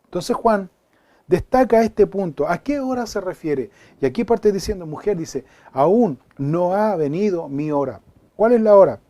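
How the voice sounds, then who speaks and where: A man's voice: sits high, animated, a little slow, warm tone. A male pastor giving a Bible study sermon, earnest and full of repeated rhetorical questions.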